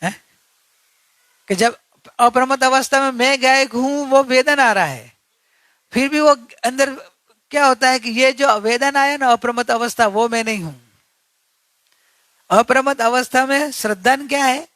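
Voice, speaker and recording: A man's voice: very high voice, measured pace, long pauses, bright, forceful tone, no room sound. A man giving an earnest religious discourse, repeating key points and asking rhetorical questions. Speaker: spiritual teacher.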